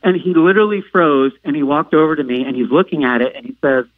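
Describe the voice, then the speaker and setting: Rich: A man with a somewhat high voice recounts a personal ordeal in a slow, halting way, full of "uh" fillers and restarts. He sounds squeezed through a narrow, phone-like line with no room sound around him. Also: no room sound. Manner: halting, filler-heavy retelling; acts out quoted lines with sudden loud outbursts. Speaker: podcast guest. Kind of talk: personal storytelling.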